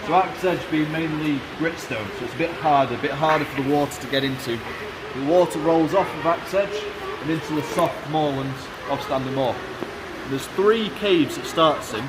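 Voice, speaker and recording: A man working as a cave guide, giving an informal, explanatory tour with casual asides in an echoing cave. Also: on the high side. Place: inside a large show cave. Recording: echoey cave, loud background noise.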